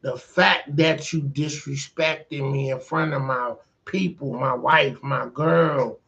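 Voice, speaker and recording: Male host, casual slangy storyteller, unhurried and gravelly, dull lo-fi recording. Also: mid-range voice, steady tone, fairly bright tone. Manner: laid-back, slangy, digressive. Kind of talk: casual storytelling, retelling a movie.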